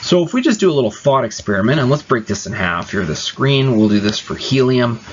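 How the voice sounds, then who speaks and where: In a classroom explanation, a man teaches chemistry, patiently walking through each step in a casual tone with small fillers. His mid-range voice is sing-song and brisk. The lo-fi recording sounds dull, with a faint hiss or hum.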